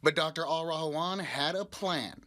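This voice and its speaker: A man's voice: a little high, normal speed, background noise. A man working as a television news reporter, narrating a scripted feature story.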